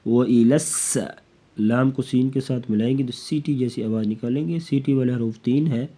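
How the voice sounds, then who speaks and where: A man teaching Quran recitation rules, chanting verses slowly and melodically and then explaining each rule quickly. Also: mid-range voice, dark tone. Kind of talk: tajweed lesson, slow recitation between quick explanations.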